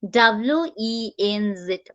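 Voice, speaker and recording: A fairly high-voiced woman leads a live online English class, talking casually and saying words slowly, over and over, for students to copy. Her voice comes through a dull, lo-fi connection. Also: a bit bright. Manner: chatty, repeats words slowly to model pronunciation. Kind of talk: live class teaching pronunciation.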